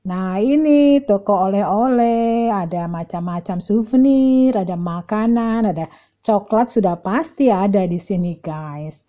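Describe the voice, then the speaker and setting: A middle-aged woman chats her way through a large indoor mall in a relaxed shopping vlog, speaking directly to her audience and often repeating words. Her mid-range voice is unhurried, and the audio sounds dull.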